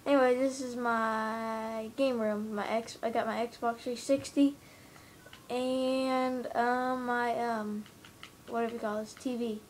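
A woman's voice: on the high side, flat delivery, slow pace, slight background noise. A woman gives a casual, rambling tour of her game build from her room at home, filming the TV with a handheld camera and filling her talk with hesitant "um"s and "uh"s. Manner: rambling, hesitant, many fillers. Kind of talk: casual gameplay walkthrough. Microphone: handheld camera filming the TV screen.

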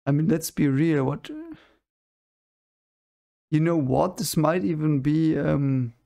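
A young man talks over clips at his desk, his voice gravelly and sitting a bit high for a man. His commentary is casual and skeptical, dismissing what he sees as fake and stopping now and then to search for a word. He speaks close to a desk microphone. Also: steady tone, takes it slowly, warm tone. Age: young adult. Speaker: reaction video host. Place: home room at a desk. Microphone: desk microphone in front of him.

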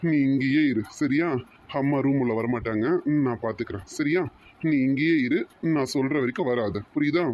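A performer voicing a teasing but protective young man who calms his girlfriend, in an amateur audio romance story. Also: medium pitch, normal speed, muffled recording, slight background noise, close to an everyday voice. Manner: teasing, reassuring.

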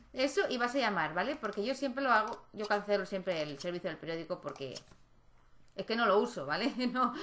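A gaming YouTuber offers casual let's-play commentary, talking to her game characters and often checking in with viewers through tag questions. She has a mid-range, fairly bright voice, and there's a little hiss or hum in the recording.

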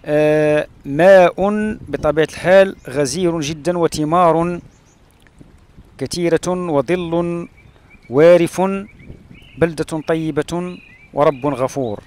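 A man from Morocco narrating his travels along a rural road and through a palm oasis, pausing often with "uh" fillers. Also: on the high side, steady tone, a little mellow. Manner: hesitant, with frequent "uh" fillers and pauses. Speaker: travel vlogger.

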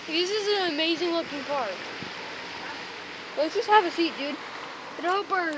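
A young man vlogging outdoors, rambling and defensive in casual chat. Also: very high-pitched. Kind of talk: casual vlog chat while walking. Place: outdoors on a city street. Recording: muffled phone recording with traffic noise.

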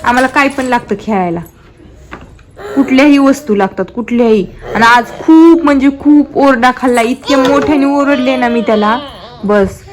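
Soft-spoken chatty young woman at home. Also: sits high, moderate pace. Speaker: vlogger and mother. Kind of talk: casual home vlog narration.

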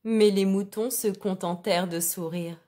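A woman reading a children's storybook aloud in a clear, expressive way. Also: medium pitch, normal speed.

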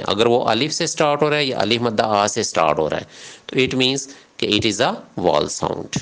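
A male English teacher gives a patient grammar lecture, working through the rules step by step. His voice sits low and carries a gravelly fry. He slips English terms into his Urdu as he explains. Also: fairly bright tone.

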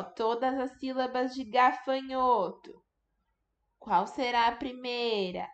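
A woman teaching a remote lesson to young children, patiently sounding out words syllable by syllable. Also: high-pitched. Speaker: primary school teacher.

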